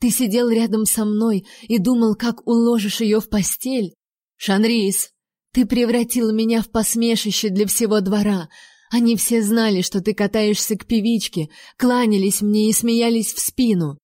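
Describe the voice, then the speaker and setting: A woman's voice: mid-range voice, fairly even intonation, moderate pace, dry recording, clean studio sound, close to an everyday voice. A woman reading as a bitter, wounded noblewoman. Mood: furious. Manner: sharp and accusing. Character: anguished young noblewoman, proud and bitter.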